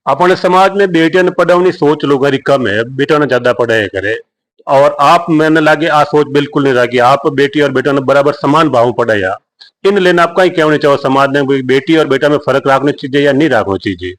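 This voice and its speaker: A man's voice: on the high side, brisk, poor audio. A man asks long, rambling questions in a local news interview.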